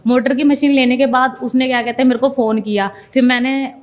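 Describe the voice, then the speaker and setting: A woman's voice: high voice, fairly even intonation, brisk, lo-fi sound. A young woman giving an earnest personal testimony, retelling scenes as quoted dialogue.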